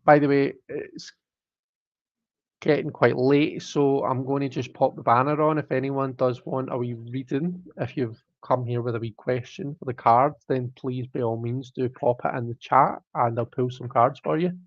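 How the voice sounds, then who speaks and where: A man's voice: mid-range voice, fairly even intonation, moderate pace, no room sound, highs cut off. A man hosting a live tarot stream, chatting casually and self-mockingly with viewers. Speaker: tarot reader and livestream host.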